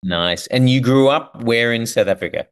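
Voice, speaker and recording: A man's voice: mid-range voice, moderate pace. A man hosting a podcast, moving between casual chat and scripted reading. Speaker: podcast host.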